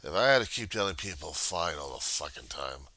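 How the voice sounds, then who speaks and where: A man giving a casual, profane confessional monologue in a halting, raw and emotionally weary way. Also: extremely low pitch, expressive, sharp tone, slight background noise. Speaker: personal video diarist.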